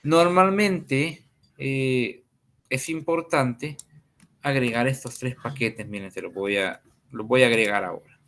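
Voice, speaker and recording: A man tutoring a coding class over a screen share, talking slowly with many pauses and fillers. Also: mid-range voice, fairly bright tone. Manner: slow and hesitant, many fillers.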